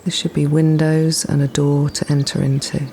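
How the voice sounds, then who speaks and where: A woman who practices guided relaxation speaks in a low, flat-pitched, breathy voice, often near a whisper. She soothes and instructs gently, pausing without hurry, with a little background noise present.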